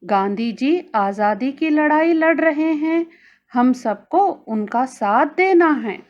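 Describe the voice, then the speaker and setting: A woman teacher giving a recorded grammar lesson to children, speaking slowly and carefully and addressing them directly. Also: high voice, animated, lo-fi sound. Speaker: Hindi teacher.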